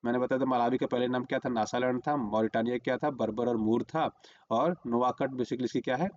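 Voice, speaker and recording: A man's voice: mid-range voice, steady tone, fairly quick, darkish tone, muffled recording. Man drilling exam facts. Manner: repeats "remember" and "okay" drilling points; explains while marking a map on screen. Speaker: exam-prep teacher. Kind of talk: current-affairs lesson.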